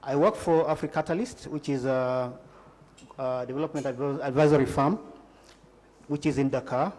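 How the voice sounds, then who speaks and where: A man from Tanzania introducing himself on a conference panel in a relaxed, joking way. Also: medium pitch, normal speed. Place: conference hall.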